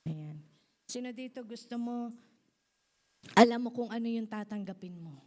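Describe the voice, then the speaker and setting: A woman pastor, preaching a sermon in an animated way. She mixes English into her talk and calls out to the congregation for responses. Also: on the high side, normal speed.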